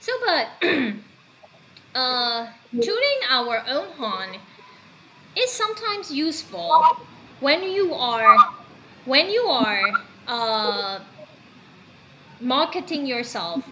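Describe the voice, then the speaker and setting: This is a woman from Myanmar teaching a lesson in a high, very expressive voice whose pitch swings widely. Her tone is bright and she keeps questioning her students. A faint background noise runs underneath. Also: drawn-out words, long pauses, lo-fi sound. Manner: animated, asks students questions, switches into Burmese. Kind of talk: classroom lesson.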